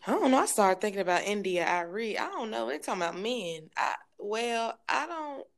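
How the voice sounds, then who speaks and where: A woman's voice: mid-range voice, very animated, normal speed, gravelly. A woman speaking in casual chat, slangy and joking, often laughing.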